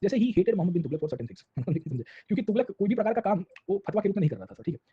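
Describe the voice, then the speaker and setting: A man teaches a history class at a very fast clip, his voice husky and a little high. He keeps asking whether the students have understood and peppers his talk with "sir". The recording is muffled and lo-fi. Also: very animated. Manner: mixes Hindi and English, asks "samjhe?" and "sir" constantly. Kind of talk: classroom lecture.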